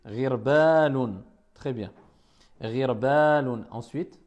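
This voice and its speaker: A man's voice: mid-range voice, very slow, a little mellow, highs cut off. A man teaching a reading class, patiently repeating words and correcting his pupils.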